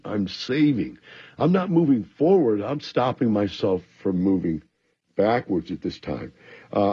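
A man's voice: on the low side, darkish tone, husky, highs cut off. A man hosting a radio show, sounding a little groggy from antihistamines, explaining things directly to listeners in a rambling advice monologue.

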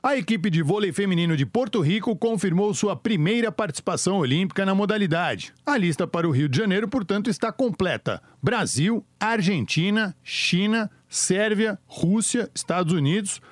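Male Brazilian sports news reader, slightly high voice, close dry sound, scripted delivery. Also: animated, moderate pace, hardly any pauses, no room sound.

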